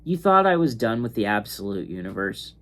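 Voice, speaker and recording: A man's voice: lowish voice, sing-song, fairly bright tone. A sleepy young man reviewing comics in a casual, rambling way, with lots of fillers and restarts. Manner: slow, rambling, filler-heavy. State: sleepy, yawning. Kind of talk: casual ranking monologue.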